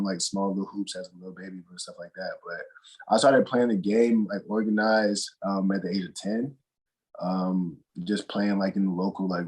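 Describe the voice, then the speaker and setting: A young man from North Carolina with a deep, husky voice answers interview questions at an easy, meandering pace. He talks casually and often pauses on fillers before circling back to finish his thought. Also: poor audio. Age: young adult. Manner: relaxed, rambling, with many fillers and restarts. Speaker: guest, college basketball player.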